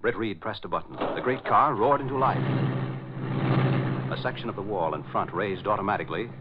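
A man's voice: on the low side, a little fast, heavy background noise, natural voice. A man narrating a radio serial in a dramatic 1940s style. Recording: muffled old radio recording. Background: music.

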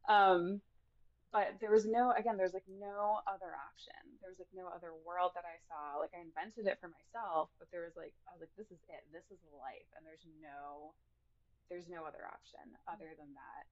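A young woman tells a personal story in relaxed conversation, leaning on filler words and laughing along the way. Her voice sits a little low, and the recording sounds dull and lo-fi. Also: normal speed. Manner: chatty, frequent "like" fillers, laughs through the telling.

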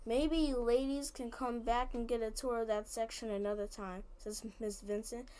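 A woman reads a children's chapter book aloud in a fairly high voice. She keeps a plain, even storybook delivery through narration and dialogue. Now and then she stumbles and restarts a phrase. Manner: plain storybook reading with small slips and restarts. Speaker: story reader.

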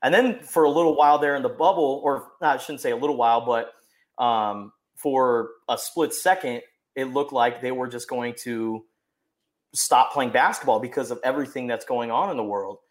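A man on a sports podcast, animated and effusive, talking in quick bursts. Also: medium pitch. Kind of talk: casual sports chat.

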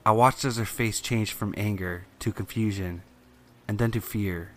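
A man reading scripted first-person horror stories in a measured, suspenseful way. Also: fairly low pitch, fairly even intonation. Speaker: horror story narrator. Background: music under the voice.

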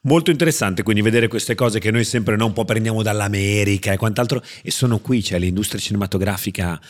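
A low-pitched man hosts a casual podcast from a small room with a slight echo. He rambles chattily, repeating words as he goes. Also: fast. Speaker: podcast host. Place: small echoey room away from the usual studio.

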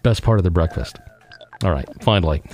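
A man's voice: low voice, expressive, a little fast, a little mellow, slight background noise. A man hosting a casual podcast, chatting and reading out news items with easy laughs. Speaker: podcast host.

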